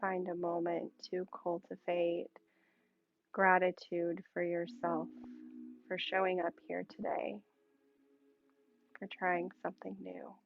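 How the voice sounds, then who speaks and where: On a muffled recording, a female yoga instructor gently leads a meditation, leaving long pauses between short, soothing phrases. Her pitch is fairly low, with a creaky quality.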